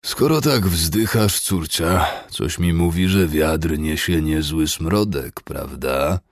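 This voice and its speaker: A man voicing a tall, blind old healer who speaks slowly and teases. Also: very deep voice, no echo, clean studio sound, exaggerated voice. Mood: wry. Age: older.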